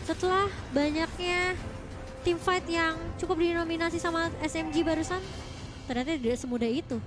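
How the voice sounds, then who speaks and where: A woman calling a live game match excitably, like a fighting game announcer. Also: very high-pitched, moderate pace. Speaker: esports shoutcaster. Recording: music behind the voice. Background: music.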